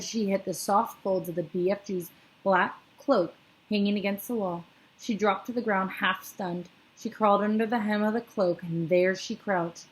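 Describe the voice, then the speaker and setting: A woman's voice: mid-range voice, low-quality recording. Woman reading a storybook aloud. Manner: steady reading with small slips. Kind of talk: reading a children's book aloud.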